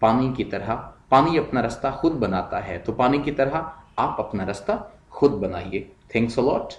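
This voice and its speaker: Guy teaching english, slow careful talk, repeats words, echoey room. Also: medium pitch, lively intonation, highs cut off. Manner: explains in Hindi-Urdu mixed with English, reads English lines slowly and repeats words. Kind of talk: recorded classroom lesson.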